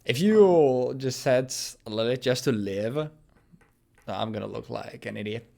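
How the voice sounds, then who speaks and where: A man in his late twenties with a gravelly, creaky voice that is wearing hoarse. He talks in a casual, rambling way, joking and laughing as he goes over a card game. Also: mid-range voice, measured pace, dark tone. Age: 20s. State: losing his voice. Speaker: host. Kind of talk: casual gaming commentary.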